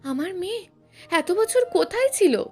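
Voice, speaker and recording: Brief: a woman playing a tearful middle-aged mother in a storybook, her voice shaky and high. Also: expressive, measured pace, darkish tone, soft background music, full character voice. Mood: shaken. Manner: trembling, emotional.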